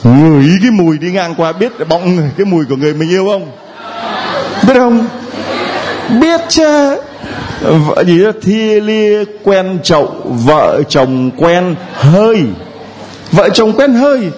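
Priest guy giving a sermon, kinda high voice, jokey with the crowd, bit of faint room noise. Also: animated, unhurried. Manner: teasing, playful with the congregation. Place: church.

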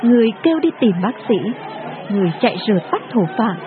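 A woman narrating a dramatic story in a steady, grave manner. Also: fairly high pitch, fast, crowd noise, background noise. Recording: tinny phone-like audio with music behind.

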